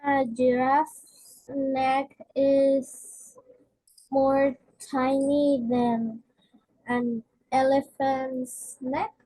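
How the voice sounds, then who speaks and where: A woman's voice: high voice, flat delivery, drawn-out words, dark tone. A woman student answering her teacher's question in an online class, hesitant and careful.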